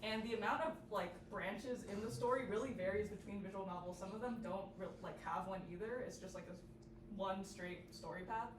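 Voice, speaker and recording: A young adult woman presents an informal student club workshop in an indoor room with an audience, talking casually and peppering her sentences with "like." Her voice is medium-pitched and fairly quick. The recording is echoey, the mic distant, and the background noisy.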